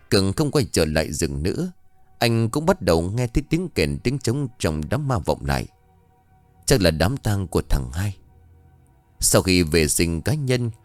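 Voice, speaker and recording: A man narrating a village ghost story in a steady, expressive storytelling voice. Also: low voice, dry recording. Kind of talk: scripted horror story narration.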